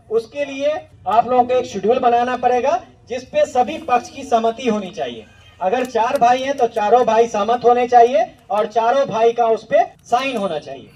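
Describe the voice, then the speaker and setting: A man with a very high voice explains official procedure in a plain, instructive way, going back over his key points. He sounds set back from the microphone, a little distant. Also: darkish tone, lo-fi sound. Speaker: land revenue official explaining survey rules. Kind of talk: explanatory talk to villagers.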